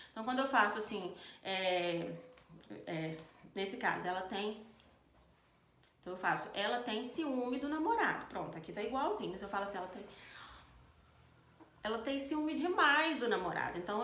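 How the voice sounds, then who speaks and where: This is a woman with a Brazilian Portuguese accent giving a video lesson. Her voice is bright and slightly high. She explains patiently and keeps checking that the class follows. The sound carries a roomy echo and a faint hum of background ambience. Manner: explanatory, frequent "né?" and "tá?" checks, acts out example sentences. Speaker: sign language teacher.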